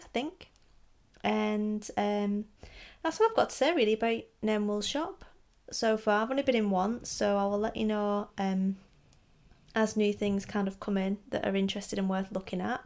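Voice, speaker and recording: A woman podcast host talks in a casual, informal way. Her voice sits at an ordinary pitch for a woman, and she chats along easily as if to regular listeners. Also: darkish tone. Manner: chatty, informal.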